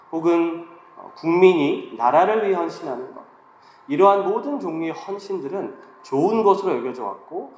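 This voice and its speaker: A man delivers a sermon in a fairly high voice that sounds stuffed-up, as if his nose were pinched by a cold. He explains things in a measured way, pausing as he goes. The hall echoes around him, with faint noise behind. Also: darkish tone. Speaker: preacher, guest speaker at a church young adult service.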